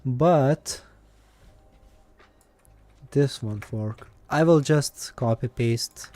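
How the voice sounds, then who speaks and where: A man with an Eastern European accent live-streams while coding, thinking aloud with many pauses and fillers. His voice is mid-range and warm, with no echo.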